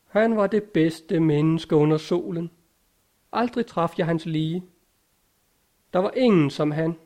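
A man voicing a brooding, guilt-ridden man full of despair in a read-aloud story. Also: fairly high pitch. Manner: dark, despairing.

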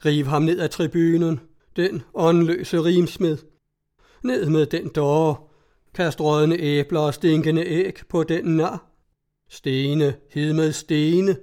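A fickle ancient crowd proclaiming at the top of its voice, as a man reads it aloud. The voice sits a little high and stays mellow, fitting a storybook scene. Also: fairly even intonation, natural voice. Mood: furious.

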